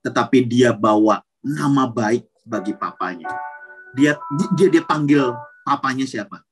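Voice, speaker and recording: A man leads a youth service in a middle-pitched voice. He preaches casually with street slang and prays in tongues, calling names. Soft music plays faintly behind him. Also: a little slow, low-quality recording. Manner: casual and lively, Jakarta slang, calls out names while praying. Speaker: youth pastor. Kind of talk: youth sermon and prayer in tongues.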